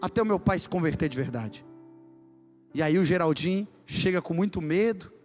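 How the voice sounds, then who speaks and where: A man pastor preaches in a church, telling a story with lively drama before building to impassioned, near-shouted preaching. His voice sits high, and soft music plays faintly behind him. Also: moderate pace.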